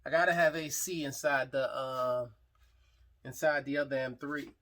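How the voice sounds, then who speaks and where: A man's voice: medium pitch, fairly even intonation, normal speed, a bit bright, no echo. A man talking casually through his engine build in a garage vlog, rambling loosely with lots of fillers. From New York. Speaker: hobby mechanic vlogger.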